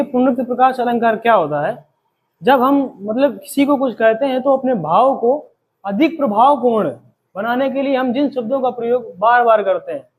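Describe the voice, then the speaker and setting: A man teaching a grammar lesson, explaining each term by asking a question and then answering it, slowing down to recite example verses. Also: extremely high pitch, husky, poor audio.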